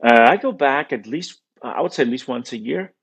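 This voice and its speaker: A middle-aged man from Denmark, a native Danish speaker, talking in a relaxed, thoughtful way as a guest in an interview. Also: mid-range voice, fairly quick, husky. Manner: relaxed, thoughtful, frequent fillers. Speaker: guest, company founder. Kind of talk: casual interview conversation.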